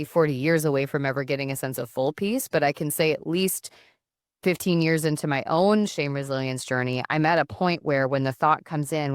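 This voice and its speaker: A woman's voice: sits low, clear, resonant tone, dry recording, studio quality. A middle-aged woman, a counsellor, talking earnestly and reflectively as a podcast guest. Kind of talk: casual podcast conversation.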